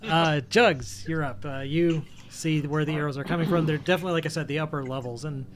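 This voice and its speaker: Higher-voiced man running a tabletop game. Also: steady tone, fairly quick, background noise. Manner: describes scenes and rules, thinking aloud. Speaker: game master.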